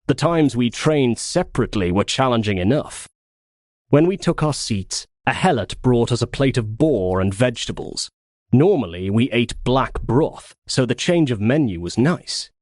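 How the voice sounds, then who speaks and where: A man reading a first-person novel as an audiobook with expressive storytelling. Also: mid-range voice, moderate pace, no echo, clean studio sound. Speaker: audiobook narrator.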